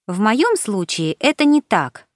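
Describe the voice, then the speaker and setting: A woman reading a first-person audiobook in a measured, expressive storytelling manner. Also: medium pitch, no echo, studio quality. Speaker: audiobook narrator. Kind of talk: audiobook narration.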